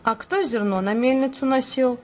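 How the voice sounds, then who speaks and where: A woman voicing a hardworking, patient male rooster in a children's storybook reading, calling out in a bright sing-song way. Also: high-pitched, normal speed, soft background music, pitched above the performer's own voice, natural voice. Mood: calling, firm.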